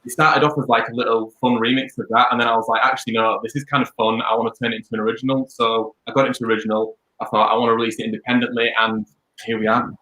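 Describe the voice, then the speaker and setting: Young dj guest, rapid bright delivery, echoey room on a video call. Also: male voice, medium pitch, level tone. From Leeds, England. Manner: chatty, upbeat, rambling. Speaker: DJ and music producer guest. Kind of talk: casual interview chat.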